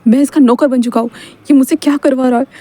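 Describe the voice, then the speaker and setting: A petulant, quarrelsome young man from a storybook reading, forever whining and stumbling over his words, put on by a woman narrator. The voice runs fast and sits a touch high, with a mellow tone. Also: fairly even intonation. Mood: complaining. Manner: stammers in protest, complains.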